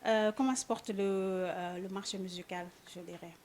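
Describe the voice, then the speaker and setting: A woman interviewing a singer, asking halting questions with many fillers. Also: medium pitch, steady tone, a little mellow.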